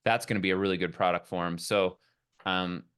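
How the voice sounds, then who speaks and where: A man with a fairly low, bright and forceful voice, chatting as a guest on a podcast. He tells long stories with enthusiasm and wanders from point to point as he goes. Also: fairly even intonation, brisk, smooth. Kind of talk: casual podcast conversation.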